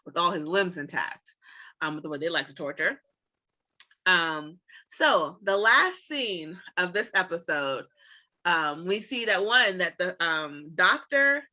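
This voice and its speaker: A woman co-hosting a podcast, reviewing an episode in casual chat, animated and playful, acting out her own reactions. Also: on the low side, dull audio. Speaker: podcast co-host.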